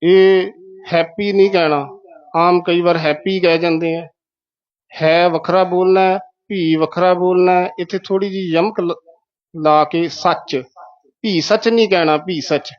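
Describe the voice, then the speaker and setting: A man's voice: high-pitched, fairly even intonation, a little slow, lo-fi sound. Methodical man teaching correct recitation. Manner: methodical, repeats words syllable by syllable. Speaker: Gurbani pronunciation teacher. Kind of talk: explaining correct recitation of scripture.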